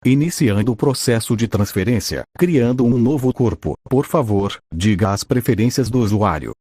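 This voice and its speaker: A man voicing a mysterious system voice that speaks inside the narrator's mind, in a flat, announcing tone. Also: mid-range voice, moderate pace, husky, no echo, clean studio sound.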